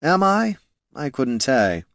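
A man voicing an undead male lich wizard, speaking slowly in a hollow, scornful, condescending way. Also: mid-range voice, big pitch swings, a bit bright, no echo, studio quality, voice pushed up, full character voice. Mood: mocking. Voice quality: hollow, slow and drawn-out. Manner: condescending, dryly mocking.

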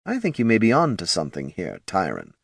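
A man voicing a grand skeletal male lich lord who speaks slowly and ominously. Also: sits low, wildly swooping pitch, creaky, slightly rough, no echo, exaggerated voice. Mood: pleased. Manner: slow, drawn-out, ominous.

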